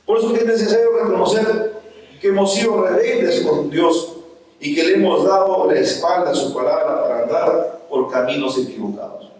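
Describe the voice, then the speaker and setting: A man's voice: on the high side, moderate pace, darkish tone. A man preaching a sermon to his congregation, calling them brothers. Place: church. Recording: very echoey church hall, mic far off.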